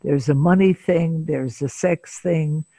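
An older woman speaking as a therapist guest in an interview, unhurried and deliberate, with frequent pauses between phrases. Her voice carries a gravelly texture and a husky, breathy edge. The sound is close and dry, with no room around it. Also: deep voice, warm tone, no room sound. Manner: measured, pauses often with filler sounds. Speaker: psychotherapist guest. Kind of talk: storytelling in an interview.

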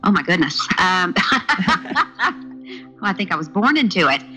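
A woman in her fifties from the southern United States, a podcast guest telling her life story in a lively, earnest way. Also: lowish voice, fast, soft background music, rough recording. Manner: lively, earnest, with laughs and restarts. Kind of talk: personal storytelling in interview.

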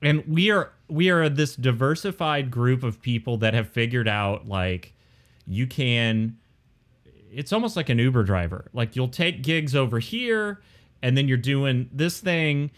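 A man's voice: mid-range voice, expressive, unhurried. A man hosting a casual interview, talking in a rambling, conversational way as he works toward his questions. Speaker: interviewer, host.

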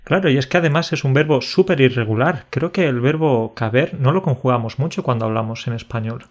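A man, co-hosting a lesson podcast, explaining grammar in a friendly, clear way. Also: mid-range voice, fairly quick. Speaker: Spanish teacher, podcast co-host. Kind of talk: casual chat.

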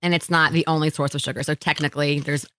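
A woman's voice: deep voice, flat delivery, fast, bright, forceful tone. A woman co-hosting a casual podcast chat, giving frank, enthusiastic opinions on products. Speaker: podcast co-host.

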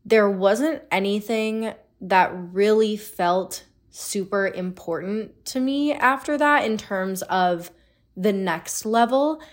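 A woman in her late twenties, sounding congested from a cold, hosts a solo podcast in a casual, chatty, informal way. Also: medium pitch. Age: late 20s. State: sick, congested stuffy-nosed sound. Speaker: podcast host.

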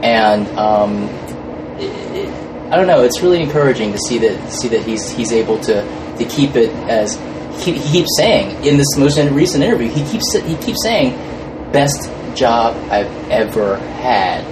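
Talking at a moderate pace in a medium-pitched voice, this man is a podcast guest from a fan film crew. He speaks casually and hesitantly, repeating words and letting phrases trail off, while a steady hum fills the noisy room.

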